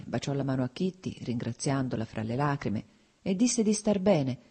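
A narrator giving a measured, even reading of a classic novel as an audiobook. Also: mid-range voice, husky.

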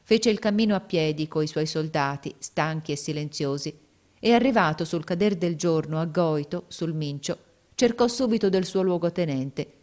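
A woman reads a story aloud with measured, expressive pacing. Her voice sits fairly low for a woman, steady and composed through the narration. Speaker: audiobook narrator. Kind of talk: scripted narration.

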